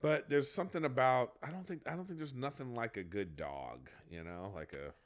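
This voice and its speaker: A man's voice: mid-range voice, animated, a little fast. A middle-aged man co-hosting a podcast, teasing and mock-arguing in casual chat. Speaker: podcast co-host.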